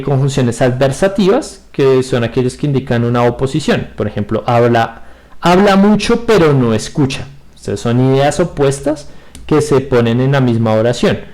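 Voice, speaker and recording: A middle-aged man teaching a virtual grammar class, explaining patiently and often pausing to check that students follow. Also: mid-range voice, darkish tone. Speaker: school teacher. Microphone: computer mic on a video call.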